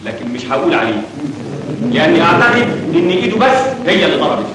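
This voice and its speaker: An actor playing a dignified young engineer making a speech to factory workers in Egyptian Arabic, on an old film soundtrack. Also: male voice, on the high side, big pitch swings, background noise. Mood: earnest. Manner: speechmaking, measured. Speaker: new factory director.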